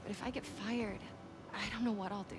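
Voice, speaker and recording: A woman's voice: mid-range voice, fairly even intonation, brisk, natural voice. Woman playing a determined young reporter over noisy ambience. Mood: frustrated, determined. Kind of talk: naturalistic video game dialogue. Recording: game audio with noisy ambience behind.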